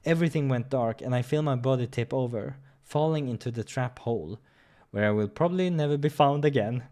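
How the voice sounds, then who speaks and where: During a gaming playthrough, a man reads a visual novel aloud in a mid-range, dark-toned voice at a fairly quick pace. He drifts into casual asides now and then and sometimes stumbles over the lines, correcting himself.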